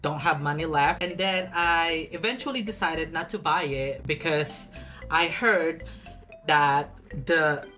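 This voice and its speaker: Here the young man's voice is a little high, bright and pushed, and he talks slowly with soft music in the background. He's unboxing a bag in a small apartment, sassy and theatrical, stretching out words for emphasis.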